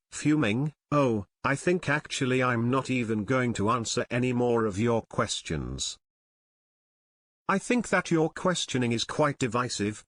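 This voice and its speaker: A man's voice: medium pitch, no echo. Dry, plain male news narrator. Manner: reads quoted lines in the same plain narrating voice.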